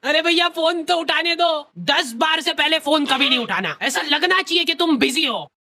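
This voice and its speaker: A woman's voice: high-pitched, expressive, moderate pace, bright, forceful tone, full character voice. A woman voicing a boastful, broke male senior student who lectures younger boys about girls in a cartoon. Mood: lecturing. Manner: swaggering, lecturing, self-important.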